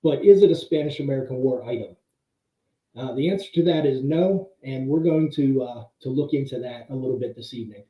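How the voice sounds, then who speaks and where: A man hosting a monthly history talk, explaining slides conversationally, heard in tinny, low-sample-rate audio from an empty room. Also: brisk, reverberant. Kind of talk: casual slide-show presentation. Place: pretty much empty room.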